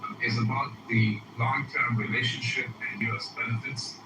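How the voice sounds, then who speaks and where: Iranian accent guy calling in, lots of uhs, sounds far off with clear background hiss. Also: medium pitch, steady tone, moderate pace. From Iran. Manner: earnest, hesitant, many ums and uhs. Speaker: caller. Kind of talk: political call-in talk. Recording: roomy and distant with noticeable hiss.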